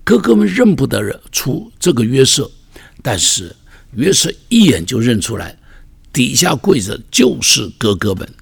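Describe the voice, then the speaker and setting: A man's voice: medium pitch, big pitch swings, a little slow, vocal fry, slightly rough. A male pastor retelling a story in a sermon, dramatic and vivid, with many rhetorical questions.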